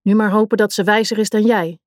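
A woman's voice: medium pitch, fairly even intonation, fast, dry recording, studio quality, close to an everyday voice. A woman voicing an exasperated queen in a storybook reading, grumbling and fed up.

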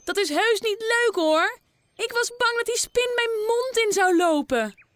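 Woman reading as a small scared boy, high voice, whispery, whiny, storybook. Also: expressive, a little slow, fairly bright tone, no room sound, heavily acted. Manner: frightened whisper, then whiny. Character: scared little boy Teun.

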